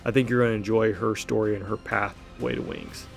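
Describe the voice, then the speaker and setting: Gravelly Southern man hosting a podcast. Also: on the low side, fairly even intonation, a little fast, soft background music. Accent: Southern American. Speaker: podcast host, Air Force recruiter. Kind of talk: casual podcast interview.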